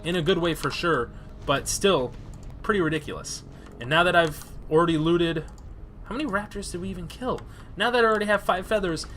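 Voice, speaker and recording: A man's voice: a little high, sharp tone, a little hiss or hum. A young man casually commenting on his gameplay, chatty and joking, swearing freely. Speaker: gaming host.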